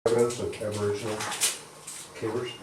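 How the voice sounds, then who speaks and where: A man's voice: on the low side, flat delivery, a little fast. A man asking questions in casual conversation. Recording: distant, echoey, noisy cave recording.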